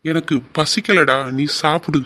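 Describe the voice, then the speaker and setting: Someone voicing a gentle caring older brother. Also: medium pitch, a little slow. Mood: reassuring. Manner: soft, reassuring, affectionate. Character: caring older brother who looks after his sisters. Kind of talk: amateur audio drama.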